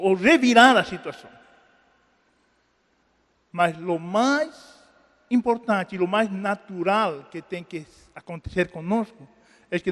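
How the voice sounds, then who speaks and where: A man with a Brazilian Portuguese accent preaching a sermon as pastor, earnest, swelling and then dropping to soft pleading. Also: high-pitched. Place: church hall. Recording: long church hall reverb.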